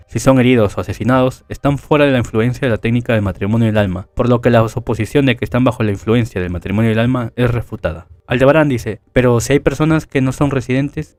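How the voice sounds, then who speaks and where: A man narrating an anime plot recap in a casual way, reading out the characters' lines without acting them and adding quick asides. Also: mid-range voice, darkish tone, no echo. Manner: adds casual asides and self-corrections.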